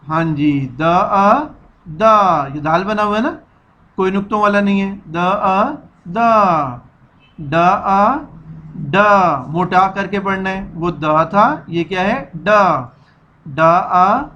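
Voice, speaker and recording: Dull audio captures a man's high, bright and forceful voice as he speaks at a slow pace. Carrying a Pakistani Urdu accent, he runs a children's alphabet lesson, patiently repeating every sound so the kids can echo it.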